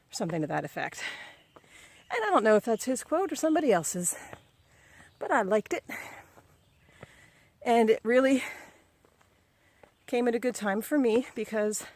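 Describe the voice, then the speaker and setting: A middle-aged woman records a casual training update outdoors in the woods. She talks slowly and easily, relaxed and chatty. Her voice sits at a middle pitch, and she encourages herself as she goes. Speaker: vlogger. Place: outdoors on a woodland ride.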